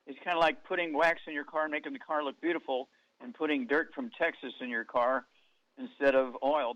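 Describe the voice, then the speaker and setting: A man hosting a call-in health radio show, firing quick yes-no questions at callers and giving folksy analogies, taped off the radio. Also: medium pitch, no room sound. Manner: quizzes callers, many "okay"s, folksy analogies. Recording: dull radio broadcast taped off air.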